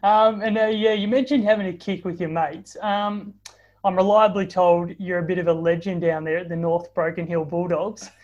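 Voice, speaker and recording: A man's voice: high voice, steady tone, normal speed, a little mellow. A man with an Australian accent hosting a casual podcast interview in a matey, colloquial way, recorded in dull lo-fi audio. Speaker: podcast host.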